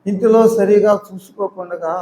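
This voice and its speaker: Older man, Telugu accent, impassioned sermon with rising crescendos, high pitch, roomy reverb. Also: fairly even intonation, moderate pace, mellow. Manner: swells to emotional crescendos, retells pleas. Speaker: preacher.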